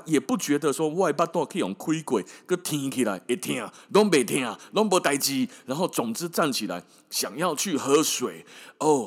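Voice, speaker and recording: A man with a Taiwanese Mandarin accent retelling a fairy tale casually as a podcast host, dropping in joking asides and Hokkien words. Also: mid-range voice.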